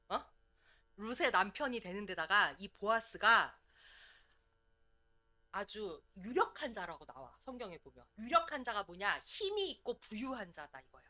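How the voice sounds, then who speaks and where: A woman evangelist preaching in a church, in a lively, conversational way. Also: mid-range voice. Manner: lively, conversational preaching, often acting out prayers. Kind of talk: sermon. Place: church sanctuary.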